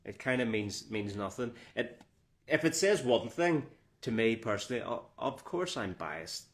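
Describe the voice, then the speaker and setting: Male co-host, lively storyteller, jokey banter, mid-range voice. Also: medium pitch, measured pace. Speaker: podcast co-host. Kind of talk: casual banter.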